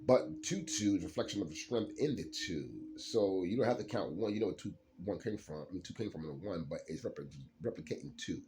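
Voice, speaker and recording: A man's voice: low voice, expressive, quick pace, hardly any pauses, noisy background. A man doing a late-night solo card reading, rambling and laughing often as he drawls through his thoughts. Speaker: card reader.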